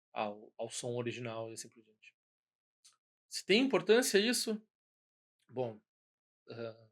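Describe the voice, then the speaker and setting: Rambling Brazilian man teaching casually. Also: mid-range voice. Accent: Brazilian Portuguese. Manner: rambling, many restarts and "né?" tags. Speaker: Buddhist teacher. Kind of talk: informal spoken lesson.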